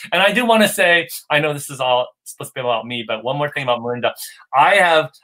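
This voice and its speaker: A Californian man, a guest on a casual livestream chat, rambles enthusiastically over a video call with lots of restarts. His voice sits on the high side, bright and pushed, and he talks fast and expressively.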